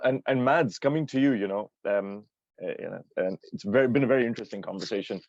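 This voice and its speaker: Low-voiced man co-hosting a podcast interview. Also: darkish tone, dry recording, dull audio. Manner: long winding questions with many restarts. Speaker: podcast co-host. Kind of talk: interview questions.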